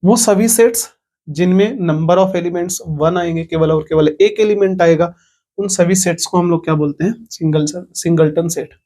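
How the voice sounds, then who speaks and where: A man's voice: high-pitched, moderate pace, dark tone. A man teaching a maths lesson online, explaining step by step and asking the class questions. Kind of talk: online lecture.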